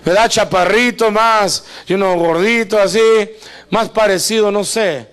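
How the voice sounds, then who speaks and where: High-voiced pastor, animated. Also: male voice, a little slow, clear, resonant tone. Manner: animated and joking, acts out voices; asks the congregation questions often. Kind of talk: live Spanish sermon. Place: church service before a congregation.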